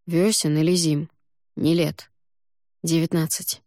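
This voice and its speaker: A guarded young man with a foreign accent, as a woman narrator puts him on, clipped and quiet. He talks low and subdued, in few words, and the recording is dry and close. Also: level tone, takes it slowly, no echo. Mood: curt. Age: young adult. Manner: terse, quiet, curt.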